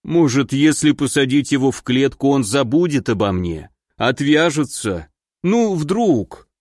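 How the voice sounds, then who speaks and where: A man's voice: mid-range voice, animated, a little mellow, no room sound, studio quality, lightly acted. A man doing a panicky, whining big guy. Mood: pleading. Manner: panicky pleading, drawn-out protests. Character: panicky big burly man, whiny and stubborn. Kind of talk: audiobook character voice.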